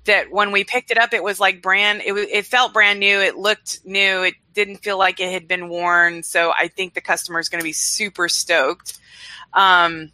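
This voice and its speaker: A woman co-hosting a casual chat show with a bright, sharp voice. She talks in a chatty, expressive way with dramatic asides. The sound is dry and close. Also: medium pitch, moderate pace, dry recording. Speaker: co-host of an online reselling show.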